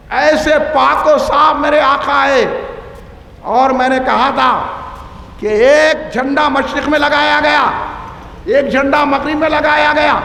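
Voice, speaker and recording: Guy preaching loud and fired up, bright sharp voice, long hall reverb. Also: extremely high pitch, vocal fry, slight background noise. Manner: fervent, shouting repeated refrains. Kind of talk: impassioned religious sermon. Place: large hall gathering.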